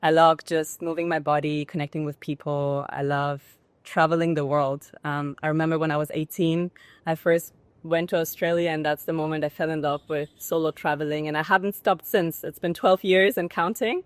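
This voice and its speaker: A woman in her thirties from Spain joins a podcast over a video call. Her voice is very low and sounds dry, with no room echo. She talks in a reflective, earnest way. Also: steady tone, moderate pace. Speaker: guest, digital nomad coach. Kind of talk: casual interview.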